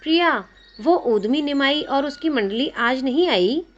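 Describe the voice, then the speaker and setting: A woman voicing chatty, impatient village girls who gossip in a lively way, in a narrated devotional story. The recording sounds slightly dull. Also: high voice, unhurried, slight background noise, pitched above the performer's own voice.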